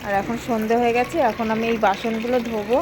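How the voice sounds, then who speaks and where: A woman's voice: flat delivery, fast talker, noisy background. A woman narrating her household chores in a casual home vlog, chatting to viewers. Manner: chatty, talks to her toddler in a high sing-song baby voice. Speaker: vlogger.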